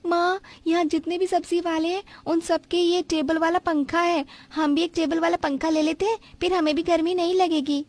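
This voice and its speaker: A woman's voice: very high-pitched, little pitch movement, normal speed, hardly any pauses, a little mellow. A woman voicing the curious young daughter of a poor vegetable seller, in a childlike, chatty way.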